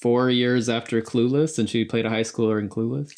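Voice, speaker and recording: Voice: medium pitch, steady tone, brisk, darkish tone. A podcast co-host in casual chat about a movie, chiming in and adding plot details.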